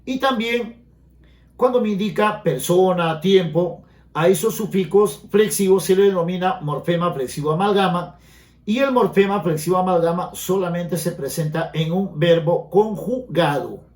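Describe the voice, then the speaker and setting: A man explains grammar to exam students in a high, clear voice, pausing often to check that his class is following. The sound carries a noticeable room echo. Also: a little mellow. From Peru. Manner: explanatory, asks students frequent check questions. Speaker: grammar teacher. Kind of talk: exam-prep grammar lesson.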